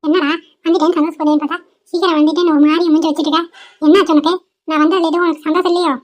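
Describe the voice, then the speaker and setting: A woman's voice: very high-pitched, flat delivery, very fast. A woman voicing a bossy, demanding grandmother in a dubbed cartoon, speaking in a scolding, teasing way. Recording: dull lo-fi recording.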